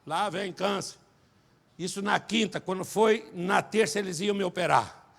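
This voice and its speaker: A Brazilian man preaches in a church, his voice pitched high with a gravelly edge. He tells his story with lively, forceful delivery, acting out the scenes and breaking into shouts. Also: unhurried. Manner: animated storyteller, acts out quotes, shouts at climaxes. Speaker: pastor and singer. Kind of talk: sermon with personal testimony. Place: church service.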